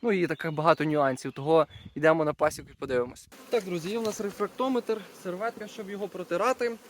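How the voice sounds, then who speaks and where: A man with a high voice speaks quickly while showing viewers hands-on beekeeping at an apiary, chatting casually and repeating brief phrases as he works. The outdoor recording carries the constant buzz of bees and insects.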